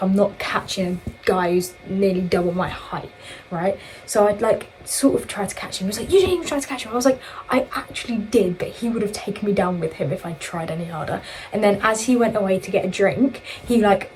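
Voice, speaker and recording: A woman's voice: medium pitch, darkish tone, a little hiss or hum, poor audio. Chatty young woman telling a rambling story. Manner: chatty, rambling, full of fillers and quoted dialogue. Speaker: vlogger. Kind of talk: casual storytime chat while getting ready. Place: home, getting ready.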